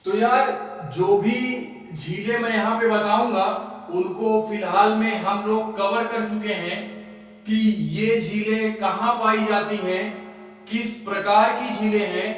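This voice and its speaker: A young male teacher in his twenties gives a casual coaching lecture, repeatedly posing questions and then answering them himself. His high voice is steady, slow, and a bit bright, captured lo-fi in an echoey, far-off room with faint music.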